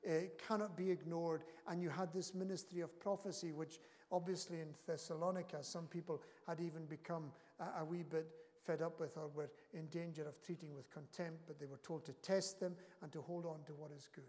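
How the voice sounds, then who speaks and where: Emphatic preacher in a reverberant church. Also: male voice, fairly high pitch, steady tone, fairly quick, hardly any pauses, darkish tone. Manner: earnest, emphatic preaching with rising and falling intensity. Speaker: pastor. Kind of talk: sermon. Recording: long reverb of a church hall.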